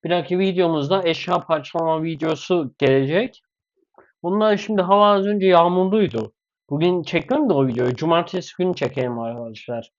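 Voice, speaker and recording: A man's voice: on the high side, fairly quick. A man vlogging casually with his parrot and dog, talking to viewers and coaxing and scolding the animals playfully. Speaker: pet vlogger. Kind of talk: casual vlog talk to pets and viewers. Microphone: clip-on mic. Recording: slightly dull lo-fi sound.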